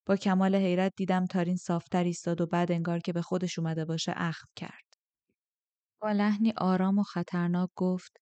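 A woman reading a novel aloud as first-person audiobook narrator, with steady, even storytelling. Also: on the low side, dry recording.

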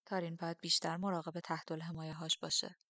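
A woman voicing a ragged, fanatical male priest who speaks in a hushed, slow, creeping way. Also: deep voice, little pitch movement, no room sound. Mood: hushed menace.

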